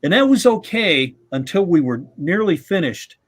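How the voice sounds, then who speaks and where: A man's voice: sits high, sing-song, moderate pace. A middle-aged man hosting a live radio-club stream, telling rambling, chuckling anecdotes in casual chat.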